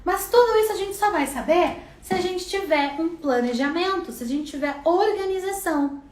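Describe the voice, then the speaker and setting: A woman's voice: very high voice, moderate pace. A woman with a Brazilian accent teaching a casual online lesson in a chatty way, often adding "né". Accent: Brazilian Portuguese. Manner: chatty, frequent "né" tags. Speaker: neuropsychopedagogy teacher. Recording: roomy echo.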